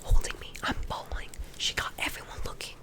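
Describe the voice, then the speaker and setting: A young woman vlogger, still getting over a cold, whispers ASMR-style at a fairly quick clip. She softly tells rambling, self-deprecating stories from her school days.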